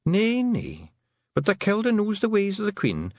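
A man's voice: sits high, huge pitch swings, normal speed, a little mellow, no echo, studio quality, pitched above the performer's own voice, full character voice. A man voicing a small, proud pixie woman who speaks formally with a Scottish accent.

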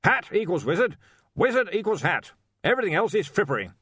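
Pompous, loud old head wizard, high and bossy, dry close read, from a man narrating. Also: sing-song, fairly quick, breathy edge, no echo, exaggerated voice. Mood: blustering. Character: blustering older male wizard headmaster. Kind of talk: audiobook character voice.

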